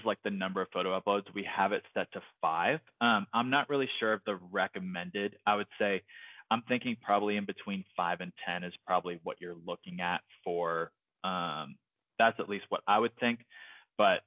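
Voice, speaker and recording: A man leads a live software tutorial in a casual, hesitant way, often pausing on fillers. His voice sits low. The video call audio is dry and dull. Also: no echo. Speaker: software trainer.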